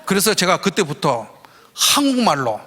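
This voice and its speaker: A man preaching in a large church, telling an animated story with a high, bright voice that swings widely in pitch. His tone has a gravelly edge, and the sound rings out with a long hall echo. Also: moderate pace. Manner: animated storyteller who acts out his own shouting. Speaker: guest preacher. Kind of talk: storytelling sermon.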